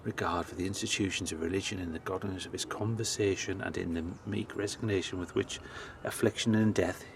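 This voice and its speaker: A middle-aged man with a low, gravelly voice narrates a casual walking vlog, eager and chatty as he reads inscriptions aloud. He records on a handheld camera outdoors, with clear outdoor noise and birdsong around him. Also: fairly even intonation, fairly quick. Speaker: history vlogger. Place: outdoor churchyard.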